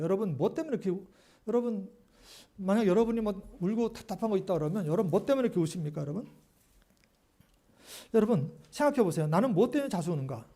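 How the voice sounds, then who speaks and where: A male pastor delivers a sermon in a quick, animated way, firing rhetorical questions at his congregation. His voice sits high and swings widely in pitch. The tone stays mellow rather than sharp.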